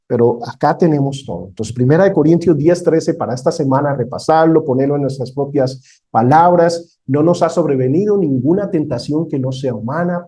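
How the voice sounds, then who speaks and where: A middle-aged man leads a discipleship class. His voice sits a little high yet sounds warm and mellow. He talks conversationally and often checks in with his listeners. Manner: conversational, tells personal stories, asks the class questions. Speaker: Bible teacher.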